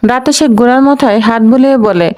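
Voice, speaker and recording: A woman with a slightly high voice tells a family drama story. She reads the narration and every character's lines in the same even storytelling voice, with little change between them. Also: fast talker. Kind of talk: storytelling recap of a TV serial.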